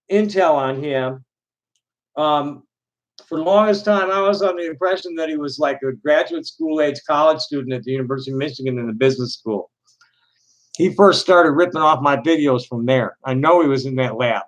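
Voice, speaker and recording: Man, slightly high voice, casual rambling host, blunt, sweary, halting phrasing. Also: dull audio. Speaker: host of an online discussion.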